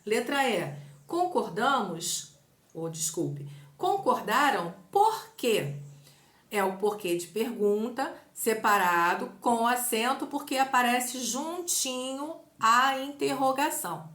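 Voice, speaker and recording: A woman teacher with a Brazilian accent giving an online grammar lesson, explaining clearly and patiently. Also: fairly high pitch, takes it slowly, fairly bright tone. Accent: Brazilian Portuguese. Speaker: Portuguese teacher. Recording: echoey room.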